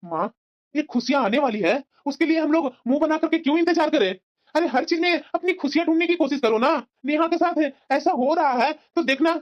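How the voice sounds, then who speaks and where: Woman doing a calm cartoon son who soothes his mom, highish, fast, muffled lo-fi. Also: close to an everyday voice. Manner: soothing, persuasive. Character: gentle, reassuring young married son. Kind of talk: cartoon voice acting.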